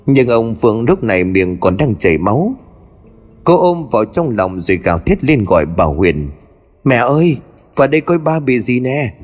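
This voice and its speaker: A man's voice: medium pitch, darkish tone. A man narrating a horror story expressively. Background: faint music.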